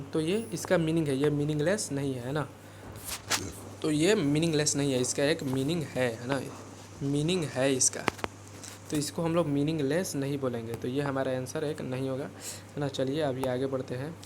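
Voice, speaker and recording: Patient male math teacher, noisy recording. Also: fairly high pitch. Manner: repetitive, checks in with rhetorical "right?" constantly; addresses viewers as kids, patient and drawn out. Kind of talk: classroom-style worksheet explanation.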